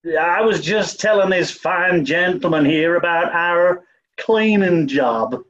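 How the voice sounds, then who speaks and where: In 1940s radio comedy, a man with a high-pitched, somewhat bright voice plays a toff disguised as a bumbling, overly polite cleaning woman with a put-on Southern US accent. He speaks slowly, bluffing sweetly, and the audio's high frequencies are cut off.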